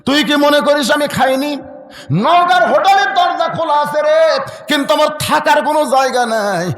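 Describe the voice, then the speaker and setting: A man's voice: very high voice, fairly quick, pitched above the performer's own voice. A preacher voicing a pleading old father. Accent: northern Bangladeshi Bengali. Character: elderly father, humble and pleading. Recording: echoey hall with long reverb.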